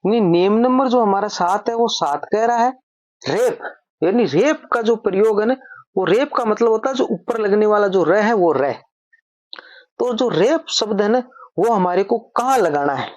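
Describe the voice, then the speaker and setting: A woman's voice: mid-range voice, animated, moderate pace, darkish tone, no room sound. A woman teaching Hindi grammar, explaining patiently step by step and often posing a question before answering it herself. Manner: repeats points as questions and answers them herself. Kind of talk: explanatory lesson.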